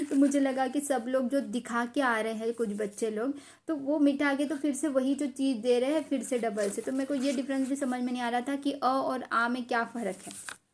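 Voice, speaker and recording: Young adult woman, casual personal storyteller, emotional and repetitive delivery, slightly high pitch. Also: fairly even intonation, normal speed, darkish tone. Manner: emotional, repetitive, mixes English words into her speech.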